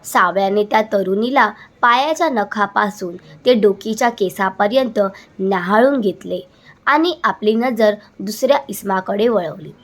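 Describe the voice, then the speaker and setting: A woman storyteller narrating a folk tale in a measured, dramatic reading style. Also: mid-range voice.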